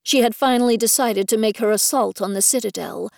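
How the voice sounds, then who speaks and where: A woman narrating a first-person fantasy story in a clear, even storytelling delivery. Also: a little high, a little fast, no room sound, studio quality.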